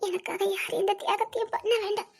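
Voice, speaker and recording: A woman's voice: very high-pitched, flat delivery, fast. A young woman acting a scared student who insistently refuses a man's advances, tearful at times, in a web drama. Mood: firm. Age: young adult.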